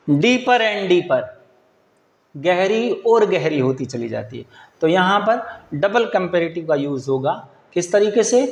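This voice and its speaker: A man teaching English grammar for exams, explaining in Hindi and reading English sentences slowly, often checking that listeners follow. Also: sits high, reverberant, poor audio. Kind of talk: exam-prep grammar lesson.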